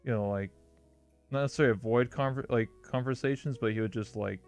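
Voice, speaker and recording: A young man hosting an interview chats casually, rambling through a story with "like" in nearly every phrase. His mid-range voice is quick, smooth and darkish, with faint music behind him.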